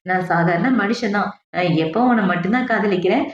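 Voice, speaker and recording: A woman voicing a devoted young husband hero, dropping her voice lower and slowing to an earnest pace. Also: reverberant, lo-fi sound, natural voice.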